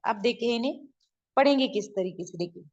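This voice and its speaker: A woman's voice: a little high, a little fast, darkish tone. A woman teaching letter writing online, explaining patiently as she draws and often checking that her students follow. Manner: patient, repeats and checks understanding. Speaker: online Urdu script teacher. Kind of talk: explaining while drawing letters on a board. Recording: dull lo-fi sound.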